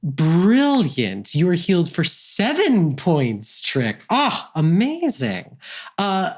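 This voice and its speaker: A man's voice: high-pitched, wildly swooping pitch, slow. A man running a tabletop game, improvising vivid narration as game master.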